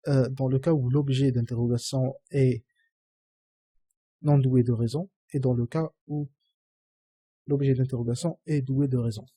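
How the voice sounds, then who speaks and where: A man teaching a lesson, patiently repeating each phrase slowly. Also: mid-range voice, warm tone, slightly rough, no room sound. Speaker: Arabic teacher. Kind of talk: slow classroom explanation.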